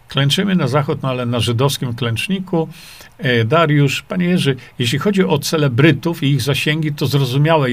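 A man's voice: mid-range voice, gravelly. A middle-aged man hosting a livestream, reading viewer comments aloud and answering them in a rambling, dismissive way, with many fillers and repeated rhetorical questions. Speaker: livestream host.

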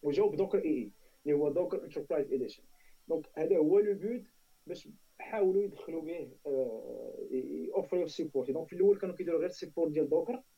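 A man's voice: on the high side, very fast, creaky, slightly rough, distant mic, dull audio. A man with a Moroccan accent in a casual tech discussion, speaking emphatically, repeating phrases and switching into French. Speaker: tech talk panelist.

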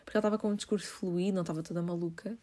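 A young woman talks straight to her viewers. She speaks quickly in a mellow, warm tone, with lots of fillers and laughs scattered through her storytelling. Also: fairly low pitch, steady tone. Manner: chatty, laughing, heavy filler use. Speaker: vlogger.

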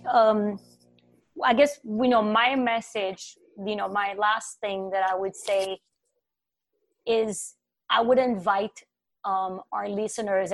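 A woman from Haiti speaking as a community organizer in an interview, earnest and searching, pausing often and restarting her thoughts. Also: mid-range voice. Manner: earnest, searching, full of "you know" and "like" restarts. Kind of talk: reflective conversational interview.

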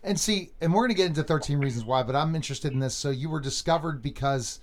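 A man's voice: a little high, quick pace. Eager male interview host.

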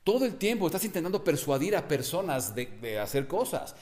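A young man coaching social skills in a lively, expressive teaching monologue that varies his tone and volume. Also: on the high side, brisk. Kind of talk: motivational teaching monologue to camera.

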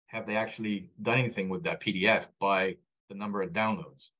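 Speaking as a guest on a conversational podcast, a data platform founder of Egyptian heritage who was raised abroad earnestly explains his data work, often restarting and going back over his main points. His lowish voice is steady in tone, a little fast and a bit bright, and the highs are cut off.

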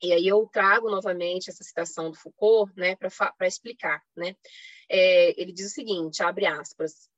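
On an online live stream, a woman with a Brazilian Portuguese accent presents as an academic panelist, explaining her slides in a semi-improvised lecture. Her voice is on the low side with fairly even intonation and a moderate pace, with no echo, through slightly dull lo-fi call audio. Rhetorical questions and brief check-in tags recur throughout.

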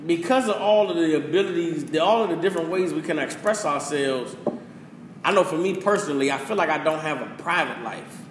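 A male podcast host launches into a passionate, preachy opinion rant full of profanity, keeping it casual. His fairly high voice moves fairly quickly. The room sounds echoey, with a faint hiss.

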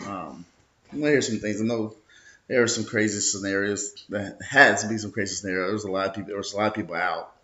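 Hungover and sluggish, the young host of a local social media show talks loosely in a rambling vlog style packed with slang. He speaks fast in a lowish, sharp voice with fairly even intonation, captured on dull lo-fi audio.

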